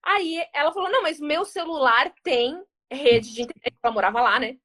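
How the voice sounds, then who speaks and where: Speaking at an ordinary pace in a high voice, this Brazilian diplomat recounts an anecdote in an interview. She performs the quoted lines with lively energy.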